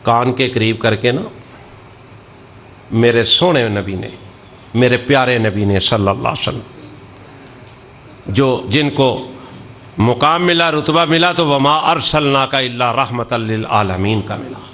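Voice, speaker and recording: Forceful Punjabi-accented preacher, impassioned. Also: male voice, mid-range voice, slight background noise. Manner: swells from hushed storytelling to loud, drawn-out preaching. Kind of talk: impassioned storytelling sermon.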